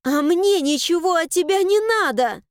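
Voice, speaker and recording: A woman voicing Mila, a stubborn young village girl, with a high, indignant, pleading delivery in an audiobook. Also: animated, moderate pace, no echo, studio quality. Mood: furious. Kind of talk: audiobook character voice.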